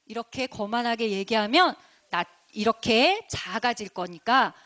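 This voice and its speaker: A woman doing a slow, stern fairy king. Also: fairly high pitch, animated, a bit bright.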